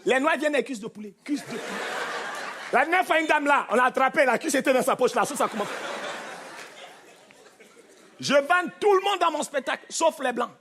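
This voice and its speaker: High, bright-voiced Cameroonian comedian. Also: male voice, fairly quick, pauses often. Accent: Cameroonian French. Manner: animated, mimics voices, punchy delivery. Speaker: stand-up comedian. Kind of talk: stand-up comedy. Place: theatre stage with live audience. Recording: live show with faint crowd and noise. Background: audience laughter.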